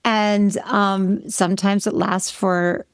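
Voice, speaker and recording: A woman's voice: mid-range voice, level tone, takes it slowly, clear, resonant tone, no echo, studio quality. A woman co-hosting a podcast, chatting casually with a Jersey accent and telling stories. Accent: New Jersey. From New Jersey. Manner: chatty, storytelling, quotes herself. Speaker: podcast co-host. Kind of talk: casual chat.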